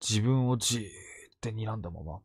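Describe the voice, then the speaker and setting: A man retelling collected true ghost stories in a hushed, suspenseful storytelling manner with sudden vivid turns. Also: on the low side, brisk, breathy edge, no room sound, studio quality.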